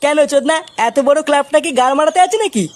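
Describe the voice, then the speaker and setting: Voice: sits high, fast, close to an everyday voice. A voice actor playing a foul-mouthed, hot-headed male village club boss who swears and grumbles. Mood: grumbling.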